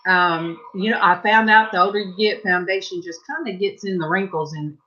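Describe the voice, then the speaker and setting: A middle-aged woman from Southern California with a Southern US accent paints at home indoors while chatting casually and rambling to her viewers as a vlogger. Her voice is on the low side with a sharp tone and a fairly quick pace, and the recording's highs are cut off.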